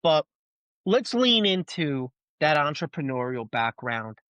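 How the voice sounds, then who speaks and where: A man's voice: fairly high pitch, big pitch swings, takes it slowly, fairly bright tone, smooth, no echo, muffled recording. A man from Brooklyn hosting a podcast interview, full of joking, self-mocking banter. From Brooklyn, New York. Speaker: podcast host.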